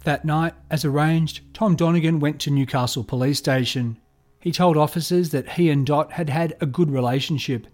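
A man narrating a true crime story in a measured, scripted storytelling delivery. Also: fairly high pitch, darkish tone.

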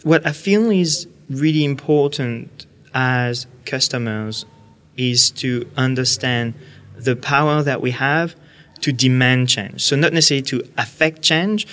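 A man with a French accent, a podcast guest explaining his views in a measured, earnest way. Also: mid-range voice, fairly bright tone. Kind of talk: podcast interview.

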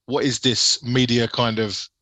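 Bright-voiced British man chatting casually. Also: medium pitch, little pitch movement, a little slow, no room sound. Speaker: football fan podcast panellist putting questions. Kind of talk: casual sweary football chat.

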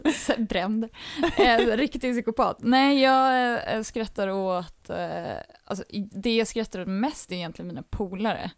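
Lively woman comic on a podcast, laughs a lot, dry close sound. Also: mid-range voice, few pauses, dry recording. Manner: animated, laughs often, filler-heavy. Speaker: stand-up comedian guest. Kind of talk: casual podcast chat.

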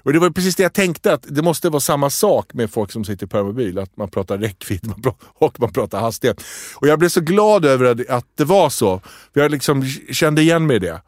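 Lively Swedish-speaking podcast man. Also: mid-range voice, dry recording, studio quality. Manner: lively storytelling, acts out quotes. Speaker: podcast co-host. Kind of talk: casual chat.

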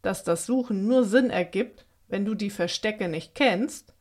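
A lazy male house cat from a storybook, voiced by a woman reading aloud. He is dry and mocking, and his tone is flat and sarcastic. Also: mid-range voice, measured pace, natural voice.

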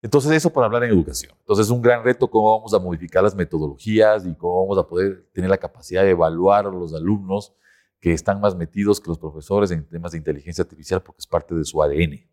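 A man, a podcast guest explaining things in an animated, conversational way. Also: sits low, quick pace. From Ecuador. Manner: animated explainer, lifts his voice to act out quotes. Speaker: guest expert.

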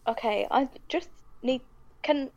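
A woman playing a tabletop game, her voice gravelly with vocal fry. She asks tentative, hesitant questions, and the recording sounds slightly dull and lo-fi. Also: high-pitched, slow pace. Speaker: player.

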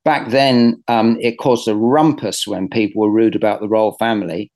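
A man's voice: fairly low pitch, fairly even intonation, moderate pace, a little mellow. British man chatting casually, hesitant and rambling. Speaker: artist being interviewed. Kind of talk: casual conversational interview.

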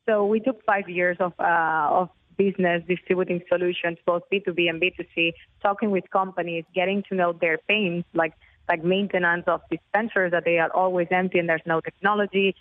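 A company founder from Spain with a Barcelona Spanish accent gives an upbeat, fluent radio interview over the phone, speaking fairly quickly in a fairly low voice with fairly even intonation. The phone line sounds tinny and dry, with no room sound.

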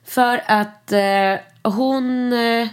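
A woman chatting casually, telling stories in an animated, gushing way with many fillers and acted-out quotes. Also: smooth. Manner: acts out quoted voices in high English. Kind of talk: casual chat.

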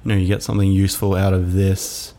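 A man hosting a reflective solo podcast, musing aloud in a halting way with many fillers. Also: low voice, completely flat delivery, warm tone. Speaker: podcast host.

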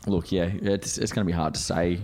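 A man's voice: low-pitched, little pitch movement, fairly quick, a little mellow. An Australian man co-hosting a sports podcast, talking through players in a casual, conversational way.

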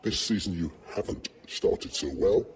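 A man asking a guest measured questions on a football podcast. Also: fairly low pitch, wildly swooping pitch, vocal fry. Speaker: podcast interviewer.

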